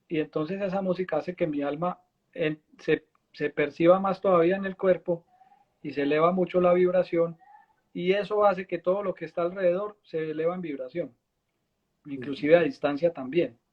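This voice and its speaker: A man's voice: high-pitched, dull audio. A man, a spiritual guide and musician, telling stories in conversation and acting out what he said back then. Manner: animated storyteller, acts out his own past dialogue. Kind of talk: storytelling in a conversation.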